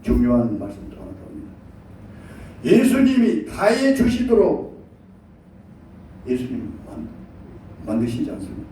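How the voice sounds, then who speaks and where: Animated pastor preaching in an echoey hall. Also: male voice, a little high, measured pace, long pauses, slight background noise. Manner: animated, acts out quoted prayers and calls congregation to repeat. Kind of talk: sermon. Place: church sanctuary. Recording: echoey church hall from far off.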